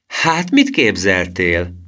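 A man voicing a sharp-tongued, mocking little girl in an audiobook reading. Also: sits low, huge pitch swings, full character voice.

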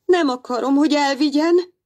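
A woman voicing an eager, excitable young boy clownfish in a storybook reading. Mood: frightened. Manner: high excited shouting, protesting.

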